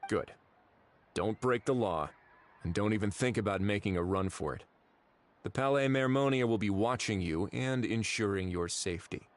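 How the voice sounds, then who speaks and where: A man's voice: lowish voice, normal speed, close to an everyday voice. An actor voicing a composed, authoritative male investigator in a video game.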